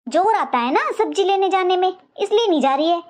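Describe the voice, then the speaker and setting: A woman's voice: extremely high pitch, lively intonation, brisk, a little mellow. A woman doing a sarcastic nagging mother-in-law. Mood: sarcastic scolding. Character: sharp-tongued scolding older mother-in-law. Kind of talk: cartoon voice acting.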